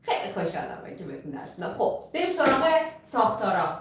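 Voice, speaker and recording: A woman with a Persian accent teaching English on a live stream, lively and drawing out her English words slowly and with stress. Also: medium pitch, recorded from a distance, slight background noise. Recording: echoey room, voice a little off-mic.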